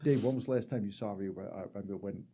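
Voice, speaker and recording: Older man in his sixties, guest, gravelly low voice, dark mellow tone, rambling chatty storytelling. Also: fast talker. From Rochester area, New York. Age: 60s. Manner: chatty, rambling, frequent fillers and restarts. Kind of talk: casual conversational storytelling.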